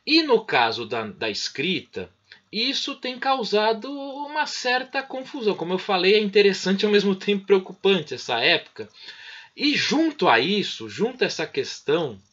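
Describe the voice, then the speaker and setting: A man's voice: high voice, very animated, normal speed, fairly bright tone, muffled recording. A middle-aged man with a Brazilian Portuguese accent explains grammar in a recorded online lesson, checking in often with the listener. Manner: explanatory, frequent "né?" and "certinho?" check-ins. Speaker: teacher.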